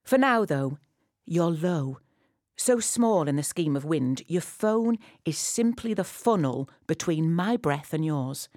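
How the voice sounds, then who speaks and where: A woman giving a poetic, scripted guided narration, intimate and close as if right in the listener's ear, measured and addressing the listener directly. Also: sits low, expressive, darkish tone, dry recording. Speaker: audio walk guide.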